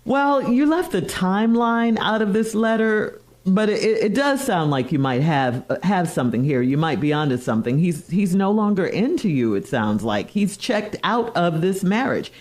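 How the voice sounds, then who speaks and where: A woman co-hosting morning radio in DJ style, reading listener letters in a measured, clearly phrased way. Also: medium pitch, sing-song, darkish tone.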